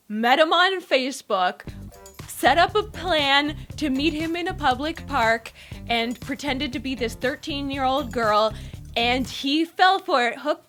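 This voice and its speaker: A woman with a high, bright voice talks through the news as a co-host. Her delivery is informal and explanatory, like a casual discussion, with faint music underneath. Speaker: co-host of a Korean pop culture news show.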